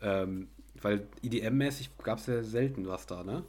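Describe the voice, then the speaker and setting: Young man, podcast co-host, casual chat, relaxed, lowish voice. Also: measured pace.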